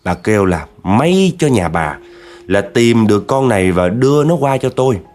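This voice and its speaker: Chatty low-voiced man. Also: very animated, moderate pace, darkish tone, faint music behind. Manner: chatty, addresses listeners directly. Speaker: horror storyteller. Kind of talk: spooky story narration.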